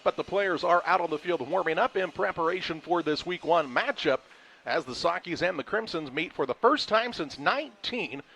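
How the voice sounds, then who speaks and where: A man hosting a live high school football pregame show with sports commentary. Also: fairly bright tone, a little hiss or hum. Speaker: play-by-play host.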